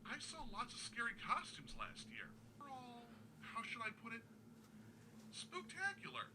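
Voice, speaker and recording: A friendly spooky pumpkin toy teases in a high, round, hollow voice. It is hugely animated and sing-song, heard from a distant small speaker with clear noise. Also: male voice, measured pace, heavily acted. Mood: playful. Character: friendly spooky talking pumpkin, playful Halloween greeter. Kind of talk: animated Halloween toy character.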